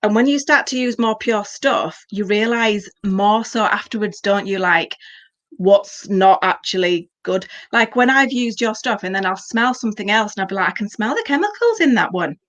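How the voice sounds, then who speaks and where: A woman's voice: mid-range voice, normal speed, fairly bright tone. A woman host talking in a casual, chatty and personal way in a conversational interview. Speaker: host, former yoga class teacher.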